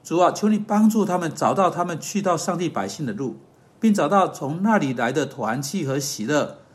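A man giving an earnest sermon-style podcast teaching that closes in prayer, pausing on fillers and correcting himself as he goes. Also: a little high, lively intonation. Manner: earnest, measured, with hesitant fillers and self-corrections.

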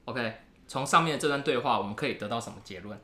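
A man's voice: medium pitch, quick pace, pushed and bright. A man with a Taiwanese Mandarin accent, co-hosting a casual podcast and playfully quizzing his partner with joke questions. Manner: playful storyteller posing joke quiz questions. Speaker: podcast co-host. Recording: roomy echo in a new recording spot.

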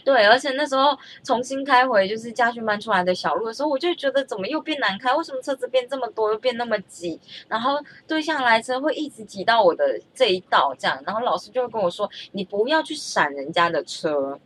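A young woman, telling a story in a chatty, animated way and stammering when she gets excited. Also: on the high side, quick pace, hardly any pauses, slight background noise. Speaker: vlogger. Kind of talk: casual storytelling.

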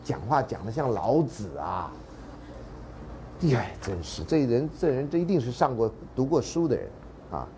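Male lecturer, Taiwanese Mandarin accent, animated and jokey, lively pitch, faint room noise. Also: normal speed. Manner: animated and joking, drops into dramatic readings and half-sung lines. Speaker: university lecturer.

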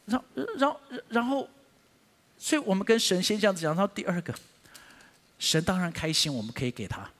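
Animated male pastor preaching. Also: fairly quick, pauses often. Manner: animated preaching, sudden climbs to high emphatic pitch. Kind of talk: sermon.

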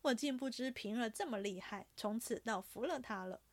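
A woman's voice: on the high side, moderate pace, no echo, close to an everyday voice. Woman doing a wheedling young nobleman. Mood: grumbling. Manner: coaxing, wheedling, then blustering.

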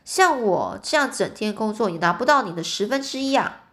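A woman reading a storybook aloud, voicing an eager young shop clerk who talks in excited exclamations. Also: mid-range voice, brisk, lightly acted.

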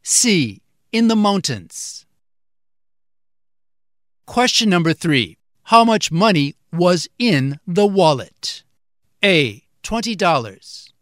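A quiz reader gives scripted questions in deliberate, separated phrases. The delivery is slow with lively pitch movement, recorded close and dry. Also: no room sound.

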